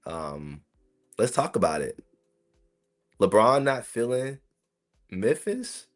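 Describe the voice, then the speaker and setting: A man's voice: mid-range voice, sing-song, slow. A man from South Carolina, hosting a casual solo podcast and talking to his listeners in a chatty, rambling way. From South Carolina, USA. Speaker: podcast host.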